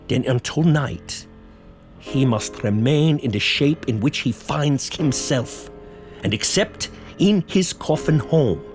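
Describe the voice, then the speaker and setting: Slow, solemn vampire hunter Van Helsing. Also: male voice, a little high. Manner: solemn, deliberate, dramatic oratory with pauses. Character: grave, solemn older male professor and vampire hunter. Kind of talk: theatrical horror audio drama acting. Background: music.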